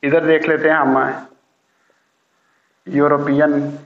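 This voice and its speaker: A man teaching a grammar lesson, patiently repeating key words slowly. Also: fairly high pitch, flat delivery. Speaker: English teacher. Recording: roomy, dull lo-fi sound.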